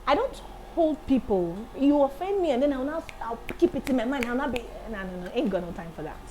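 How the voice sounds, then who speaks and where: A woman in her late thirties, a singer and accountant, chatting as an interview guest in a lively, enthusiastic way. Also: sits high, fairly quick, rough recording. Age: 30s. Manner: lively, laughs often, enthusiastic. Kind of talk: casual interview chat.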